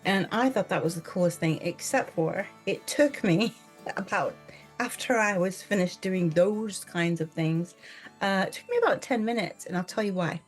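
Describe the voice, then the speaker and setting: Chatty middle-aged American woman vlogger, somewhat low voice, faint music behind. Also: lively intonation, normal speed. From California, United States. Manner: chatty, laughs often, acts out her own reactions. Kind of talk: casual storytelling.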